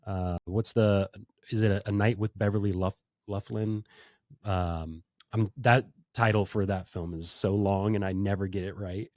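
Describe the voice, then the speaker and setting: A man's voice: lowish voice, steady tone, unhurried, a little mellow, dry recording, studio quality. A man hosting a podcast interview in a casual, rambling way, full of fillers and restarts. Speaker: podcast host.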